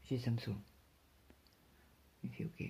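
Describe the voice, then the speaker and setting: Speaking at a normal speed over slight background noise, a middle-aged woman who makes crafting vlogs chats casually about her day. She tells it as a story, livening it up by quoting her husband and acting out lines of talk, now and then lowering her voice to a whisper.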